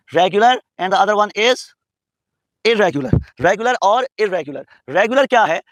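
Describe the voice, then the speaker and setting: High-voiced man teaching grammar slowly. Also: a bit bright, no echo, rough recording. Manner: asks students questions and answers them himself; says English terms slowly and carefully. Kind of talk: classroom lecture mixing English and Urdu.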